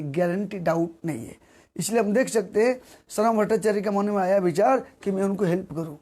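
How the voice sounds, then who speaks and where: A man giving a devotional sermon, repeating phrases and asking rhetorical questions, sometimes singing verses slowly. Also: sits high, darkish tone. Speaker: preacher.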